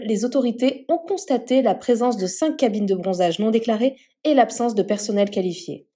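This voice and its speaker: A woman narrating a celebrity news story as scripted voice-over, reading an article in an even manner. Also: medium pitch.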